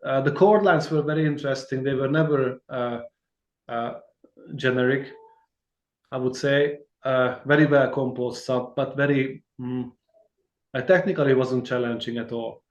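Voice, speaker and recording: A Hungarian guitarist, guesting on a casual interview, talks in a rambling, friendly way, laughing easily and using lots of fillers and restarts. His medium-pitched voice holds a steady tone at normal speed, recorded in an echoey room with the highs cut off.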